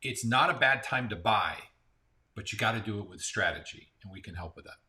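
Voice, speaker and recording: This Central Florida real estate agent, an American man, co-hosts a relaxed market chat and keeps restarting as he walks through the figures conversationally. His fairly low voice is animated and sharp, moving a little fast.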